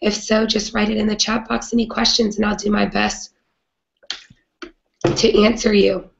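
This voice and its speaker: A woman with a raspy, hoarse voice from a cold, hosting a live video chat in an earnest way with many "um" fillers. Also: medium pitch, flat delivery, normal speed, muffled recording. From not British. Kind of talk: casual live-stream talk.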